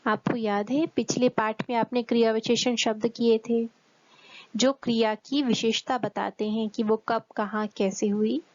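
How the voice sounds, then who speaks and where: A woman teacher explaining a grammar lesson to children, slowly and clearly, asking them questions as she goes. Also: on the high side, fairly even intonation, darkish tone, no room sound. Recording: dull, dry lo-fi recording.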